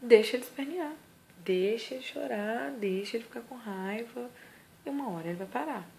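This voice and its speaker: A woman's voice: a little high, expressive, normal speed, gravelly, a little mellow, slight background noise. A woman with a Brazilian accent, a mother giving parenting advice in a casual vlog, earnest and emphatic. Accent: Brazilian Portuguese. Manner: earnest, emphatic, acts out scolding lines.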